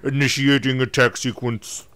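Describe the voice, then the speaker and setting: A man doing a booming robot guard. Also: little pitch movement, moderate pace, noisy background, close to an everyday voice. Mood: menacing. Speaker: gamer reading dialogue aloud. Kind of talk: let's play voice acting.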